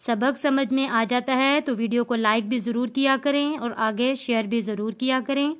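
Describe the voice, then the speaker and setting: A woman teaching Quran reading in a slow step-by-step lesson, spelling out letters and vowel marks and then drawing out the joined syllables. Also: on the high side, clear, resonant tone.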